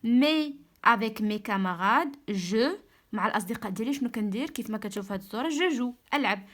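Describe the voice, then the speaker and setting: A young woman with a Moroccan Arabic accent, an online tutor explaining a French lesson, dictating French words slowly. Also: fairly high pitch, animated, fairly bright tone.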